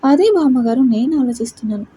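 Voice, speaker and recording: A woman voicing a gentle, thoughtful young wife who speaks respectfully and reasons things out aloud. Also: on the high side, quick pace, slight background noise, close to an everyday voice. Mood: earnest.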